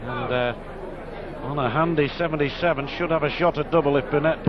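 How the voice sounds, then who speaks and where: A man giving live darts commentary in a measured, dramatic way with repeated phrases. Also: on the high side. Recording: muffled broadcast with loud crowd noise. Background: loud darts crowd.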